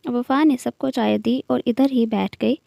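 A woman narrating a novel in a steady storytelling reading. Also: fairly high pitch, a little slow, creaky, no room sound, clean studio sound.

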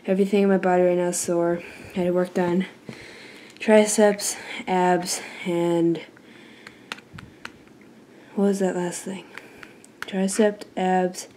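A young woman speaks in a low, mellow voice for her daily home vlog. Her pitch barely rises or falls. She rambles loosely, stopping and restarting her sentences. A faint hum sits behind her voice. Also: little pitch movement, slow, long pauses. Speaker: vlogger. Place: at home, indoors.

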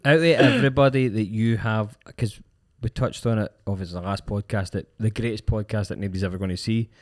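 A man's voice: lowish voice, fairly even intonation, a little fast. A man in his thirties with a Glasgow accent, hosting a casual chat with jokey, sweary slang. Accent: Glasgow, Scottish. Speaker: podcast host. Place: small podcast studio. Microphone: close studio microphone with headphones.

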